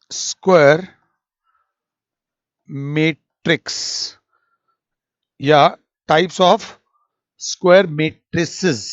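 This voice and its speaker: A man's voice: a little high, dry recording. A man teaching a maths lecture, mixing Hindi and English and repeating key words for emphasis. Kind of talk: recorded classroom lecture. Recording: dull lo-fi audio.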